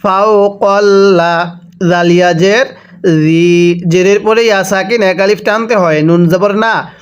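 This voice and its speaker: A man with a Bangladeshi Bengali accent teaching Quran reading, spelling out each syllable and then chanting the joined words slowly. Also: high voice, smooth, muffled recording. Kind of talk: slow spelled-out recitation lesson.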